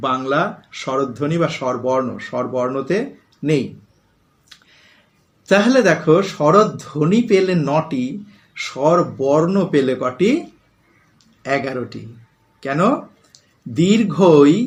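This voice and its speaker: A middle-aged male teacher giving a classroom lesson, asking questions and repeating lists aloud for his students. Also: a little high.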